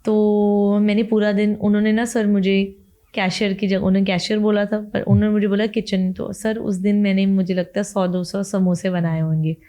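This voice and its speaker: A woman's voice: medium pitch, flat delivery, moderate pace, dark tone. Emotional young woman telling her story. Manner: emotional storytelling, mixes Hindi with English phrases. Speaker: interview guest. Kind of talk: casual interview talk.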